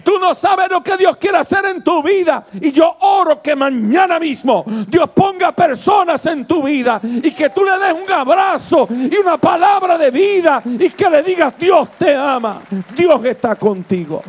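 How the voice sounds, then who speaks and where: A male pastor preaching a sermon with passion, moving from quiet, intimate storytelling to loud, shouted exhortation. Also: very high-pitched, lively intonation, unhurried, few pauses. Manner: impassioned preaching, swings from hushed to shouting.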